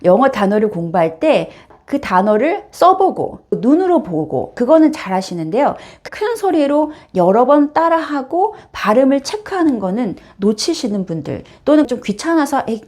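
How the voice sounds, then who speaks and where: A woman giving an online English lesson, with a fairly high voice that swoops up and down. She speaks directly to her viewers and stresses her points in a teacherly way. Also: big pitch swings, normal speed, few pauses, darkish tone.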